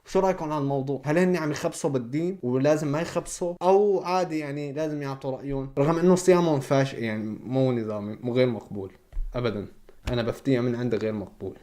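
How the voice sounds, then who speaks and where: A man's voice: mid-range voice, rapid-fire, warm tone. A man with a Levantine accent hosting a reaction video, sarcastic and exasperated. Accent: Levantine Arabic. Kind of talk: mocking commentary.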